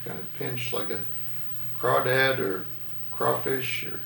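Distant echoey noisy recording, male interviewer, creaky voice, hesitant halting questions. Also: medium pitch, pushed and bright. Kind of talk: informal fieldwork interview questions. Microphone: distant from the speaker.

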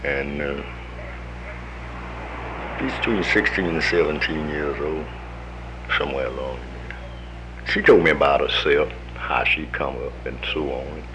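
Unhurried and pausing often, a man with a rumbling low voice tells his oral history over background noise. He is a folksy American army veteran in his fifties who acts out the voices of people he quotes.

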